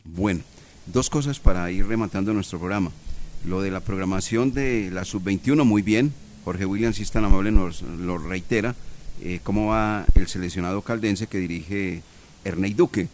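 A man's voice: low voice, moderate pace, darkish tone, a little hiss or hum. A man hosting a sports radio show, leading the talk and passing it to his co-hosts. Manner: leads the show, hands off to co-hosts.

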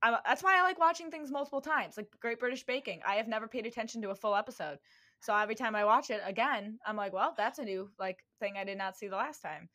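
A young woman hosting a podcast, chatting casually and telling lively stories with acted-out quotes. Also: a little high, fast talker. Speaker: podcast host. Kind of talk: casual chat.

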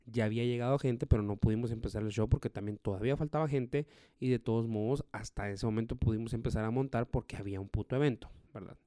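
A man, a stand-up comedian telling a story in a profane, animated way. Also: medium pitch, no echo, clean studio sound. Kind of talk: storytelling monologue.

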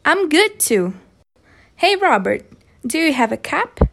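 A woman's voice: high voice, very animated, slow pace, vocal fry, background noise, full character voice. A woman reading a short scripted dialogue for an English lesson, speaking as a young woman chatting with a friend. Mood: friendly.

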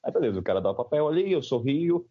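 A young man from Brazil telling a story in a casual, slangy, animated way, acting out the dialogue. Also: fairly high pitch, fast talker, slightly rough. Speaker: podcast guest. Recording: slightly dull lo-fi sound.

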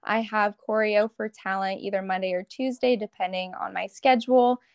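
A woman's voice: medium pitch, steady tone, normal speed, a little mellow, clean tone, no room sound. Young american woman, late teens, chatting as a podcast guest, pretty dry close sound. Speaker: podcast guest, pageant competitor and volunteer. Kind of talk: conversational interview answers.

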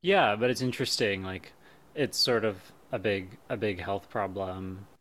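A young man co-hosting a casual podcast. He talks in halting bursts, full of fillers and restarts, and he laughs often. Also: on the low side, fairly bright tone. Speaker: podcast co-host. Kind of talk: casual chat.

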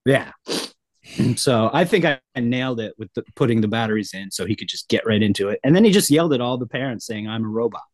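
A laid-back man on a podcast, telling little stories with pauses and restarts. His pitch is ordinary for a man, and the mic sound is dry and close. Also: expressive, no room sound. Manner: laid-back storytelling with hesitations. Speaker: podcast co-host. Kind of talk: casual chat.

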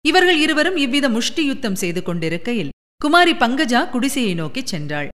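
A woman's voice: a little high, very animated, brisk, a bit bright, in a large hall. A woman narrating a story as an audiobook, reading with dramatic expression.

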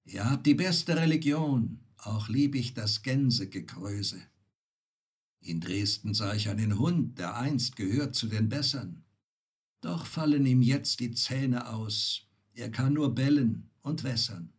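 Man reciting sardonic knight, tired, dry delivery, husky, unhurried. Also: mid-range voice, expressive. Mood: wry. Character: weary, mocking male knight home from travels. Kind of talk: poetry reading.

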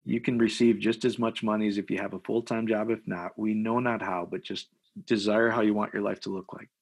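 Husky-voiced preaching man. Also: fairly low pitch, fairly quick. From Iowa, USA. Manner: energetic, preacherly, repeats phrases for emphasis. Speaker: pastor. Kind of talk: podcast interview, leading a prayer.

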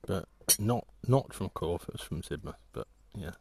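Man, very low voice, casual walking vlog, rambling, hesitant restarts. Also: expressive, vocal fry, slight background noise. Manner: rambling, halting, many restarts and trailing thoughts. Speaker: walking vlogger and artist.

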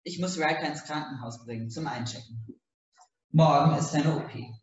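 Man narrating an audiobook, slightly high voice, dry and even, very echoey room. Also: moderate pace, recorded from a distance, highs cut off. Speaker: audiobook reader. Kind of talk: first-person audiobook narration.

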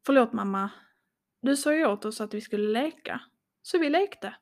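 A woman's voice: a little high, animated. A woman reading the lines of children who plead with their mother in a horror story. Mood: apologetic. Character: frightened children calling to mom, apologetic.

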